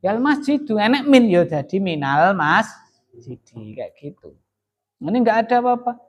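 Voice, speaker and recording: The speaker, a Javanese-accented man, gives a classroom lesson on Arabic grammar, explaining with patience and quizzing students often. He has a high-pitched voice with big pitch swings and a moderate pace.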